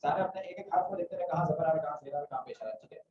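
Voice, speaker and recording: A man's voice: fairly high pitch, fairly even intonation, rapid-fire, slight background noise. A man teaching an Arabic grammar class, quizzing students and often checking "theek hai?". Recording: roomy, muffled classroom audio from a distant mic.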